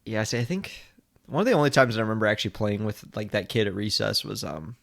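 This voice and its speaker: A man's voice: on the low side, animated, quick pace, vocal fry, a bit bright. A man co-hosting a podcast in casual chat, hesitant, repeating his words and laughing often. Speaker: podcast co-host.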